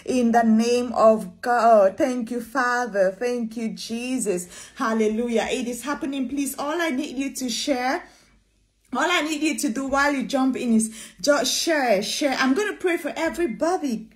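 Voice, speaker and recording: A woman's voice: fairly high pitch, measured pace. A woman in her thirties from Cameroon, preaching and greeting viewers by name during a live-streamed church session, close to a phone camera in a small room.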